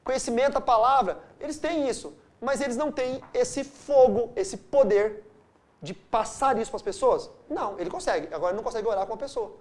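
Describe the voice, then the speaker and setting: Middle-aged male pastor from Brazil, animated Bible-study teacher, dynamic storyteller. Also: extremely high pitch, brisk. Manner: animated storytelling with wide swings of loudness.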